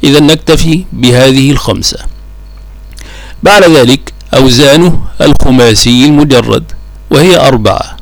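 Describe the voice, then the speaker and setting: A man teaching a classical Arabic grammar lesson, slow and measured, drawing out each example word. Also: mid-range voice, vocal fry, no room sound.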